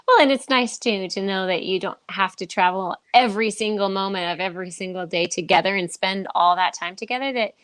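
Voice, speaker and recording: A woman's voice: mid-range voice, brisk, few pauses, a bit bright, clear, resonant tone, dry recording. Friendly, giggly woman in a dry room. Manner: friendly, giggles often, thoughtful. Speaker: guest co-host. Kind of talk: casual chat.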